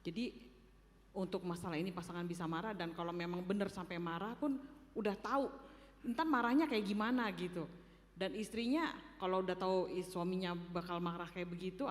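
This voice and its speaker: Woman from the congregation, slightly low voice, halting question, echoey hall. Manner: hesitant, with many restarts. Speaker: congregation member asking a question. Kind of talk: question from the audience.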